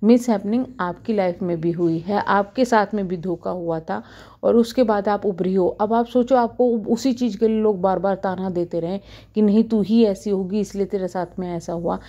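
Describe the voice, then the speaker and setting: A woman's voice: mid-range voice, moderate pace, mellow, highs cut off. A woman in her thirties talking to camera as a vlogger, earnestly scolding and giving advice. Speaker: YouTube reaction vlogger.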